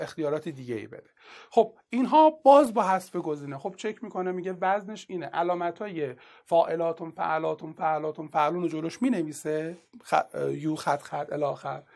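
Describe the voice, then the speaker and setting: Using casual, colloquial speech, a teacher gives an exam-prep literature lesson, walking through each step and posing rhetorical questions. The voice is medium-pitched.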